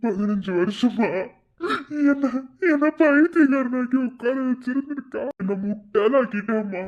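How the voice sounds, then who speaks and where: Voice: mid-range voice, a little slow, dull audio, natural voice. A performer voicing a heartbroken father in a cartoon, tearful and pleading. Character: heartbroken father, weeping and bitter. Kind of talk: animated cartoon voice acting.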